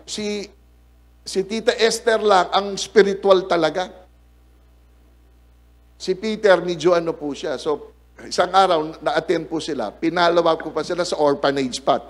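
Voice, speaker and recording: A man with a notably high voice preaches to a gathered congregation. He is a middle-aged pastor who tells stories from the pulpit and keeps the room engaged by calling for amens. His delivery is lively and personal. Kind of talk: sermon with storytelling. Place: church service before a congregation.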